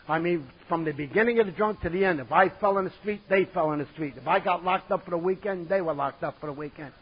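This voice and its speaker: Speaking quickly in a voice on the high side with a breathy edge, this New Yorker with a strong accent entertains a conference audience at a recovery meeting. His comic story about his past is self-mocking, vivid and theatrical, recorded on dull lo-fi tape.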